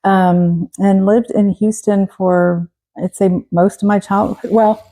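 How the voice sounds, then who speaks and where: A woman in her forties from Texas, a guest telling her story in a relaxed interview, pausing often and restarting. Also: medium pitch, rough recording. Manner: hesitant, many fillers and restarts. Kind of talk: casual interview.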